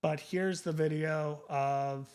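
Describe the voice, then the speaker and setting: A man's voice: a little high, fairly even intonation, slow, darkish tone, clean tone. A man chatting casually as a livestreamer, informal and profane, often muttering to himself. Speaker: streamer.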